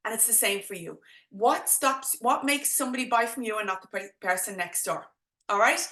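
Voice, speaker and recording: Woman, Dublin accent, high bright voice, chatty encouraging coach, live webinar delivery, roomy echo. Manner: chatty, encouraging, addresses viewers directly with pep talk. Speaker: business coach hosting an online workshop. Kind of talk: informal live webinar presenting.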